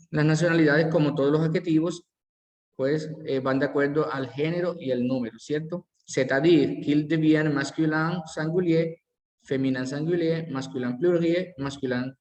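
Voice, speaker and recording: A man teaching a language lesson, slowly repeating each word form aloud as he explains it. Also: a little high, a little mellow. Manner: slow, careful, repeats word forms aloud. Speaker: French teacher. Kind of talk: bilingual classroom lesson. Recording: echoey hall.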